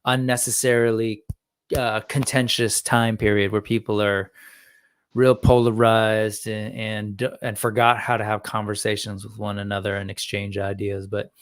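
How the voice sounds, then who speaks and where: A man's voice: fairly low pitch, level tone, normal speed. A man hosting a casual chat, easygoing and agreeable, with a joking manner. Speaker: host.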